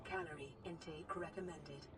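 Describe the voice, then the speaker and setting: A woman voicing a calm suit computer that looks after its user, announcing findings in a gentle, even, clinical way. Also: low voice, moderate pace, lightly acted. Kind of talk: game voice-over. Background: game music.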